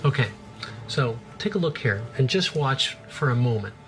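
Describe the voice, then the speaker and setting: A man's voice: mid-range voice, lively intonation, moderate pace, music in the background. A man speaking as a scientist in a documentary, explaining in an enthusiastic, marveling way without a script. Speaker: marine biologist, interview subject.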